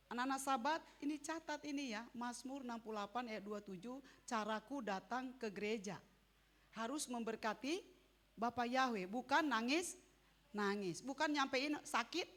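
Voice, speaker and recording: High, bright-voiced woman pastor preaching. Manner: emphatic, conversational preaching with sharp swings in loudness. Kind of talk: sermon.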